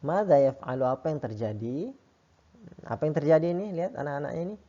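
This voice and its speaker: A man teaching a lesson, reading each phrase slowly and then explaining it quickly. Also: fairly high pitch, big pitch swings, mellow. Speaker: Arabic teacher. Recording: dull lo-fi sound.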